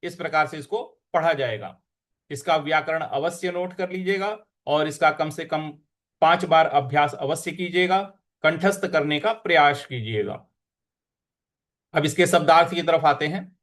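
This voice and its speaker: A man with a fairly high voice leads a recitation lesson at an unhurried pace. He sounds out each syllable with care and repeats words so students can copy him. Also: a bit bright. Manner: slow, careful syllable-by-syllable pronunciation drill. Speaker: teacher.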